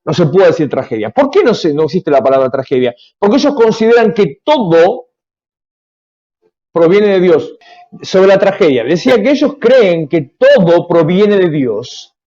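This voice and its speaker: A middle-aged male pastor, preaching an emphatic, animated live devotional sermon with asides. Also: high-pitched, moderate pace. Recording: dull lo-fi livestream audio.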